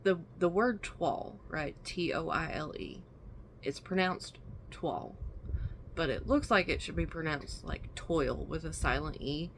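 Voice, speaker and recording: A woman talking unhurriedly through a product haul in a low voice. Her tone is folksy and chatty, with a faint hiss in the background. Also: lively intonation, measured pace. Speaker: vlogger.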